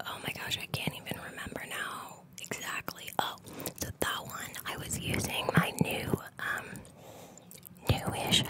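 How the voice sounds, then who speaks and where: A woman whispering a breathy ASMR ramble as a host, very close to the microphone, lingering and often repeating words in strings.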